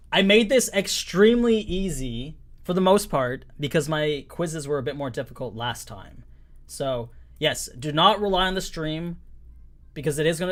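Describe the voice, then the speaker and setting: A man hosting a casual livestream who laughs often and repeats himself when he gets flustered. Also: a little high. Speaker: host.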